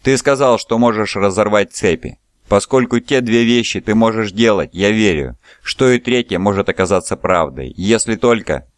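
A man's voice: on the low side, moderate pace, clean tone, no room sound, natural voice. Proud, contemptuous noblewoman read by a male narrator, imperious tone, dry close sound, audiobook. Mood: scornful. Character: proud scornful young noblewoman, fiery.

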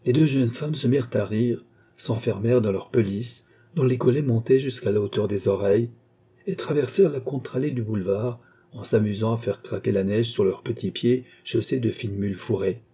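A man reading a classic novel aloud in measured storytelling narration. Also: mid-range voice, dark tone, husky. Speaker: audiobook reader. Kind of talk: scripted literary narration.

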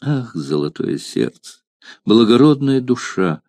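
A man's voice: medium pitch, very animated, slow, warm tone, no room sound, exaggerated voice. A man voicing a cunning young courtesan who coaxes with feigned tenderness in an audiobook. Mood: coaxing.

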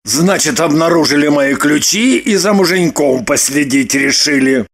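A woman voicing a hot-tempered, sarcastic grown man in an audiobook, prone to shouting outbursts. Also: sits low, lively intonation, moderate pace. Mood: suspicious. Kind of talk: audiobook character reading.

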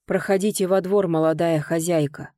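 A giant of a manservant, calm and deferential, answering in a low, dark, mellow voice, as a woman voices him. He speaks plainly and patiently in this audiobook, always politely. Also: normal speed, no room sound, clean studio sound, close to an everyday voice. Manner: calm, deferential, bass delivery. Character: huge, deep-voiced, patient male servant.

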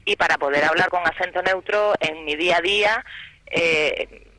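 A woman with a Canarian accent, an actress and journalist, speaks in a casual panel discussion with a fairly low, bright, forceful voice at normal speed. She sounds reflective, her voice rising when she acts out imagined questions. The recording is low-quality with no echo.

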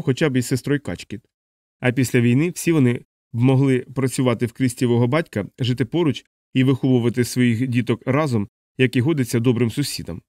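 Male narrator, fast expressive reading, dry close studio sound. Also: mid-range voice, no room sound. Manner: brisk, expressive storytelling. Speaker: audiobook narrator. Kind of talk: scripted narration.

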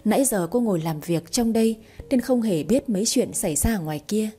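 Mellow woman narrating a romance story. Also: mid-range voice, expressive, fairly quick, breathy edge.

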